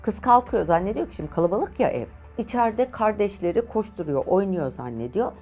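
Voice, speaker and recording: A woman hosting and telling a paranormal true-crime story, with an expressive, dramatic delivery. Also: medium pitch, soft background music. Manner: lively, expressive retelling with dramatic pauses. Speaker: journalist and storyteller host.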